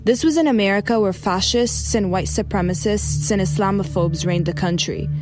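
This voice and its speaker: A woman from Dubai reading a reflective personal essay. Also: medium pitch. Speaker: guest speaker.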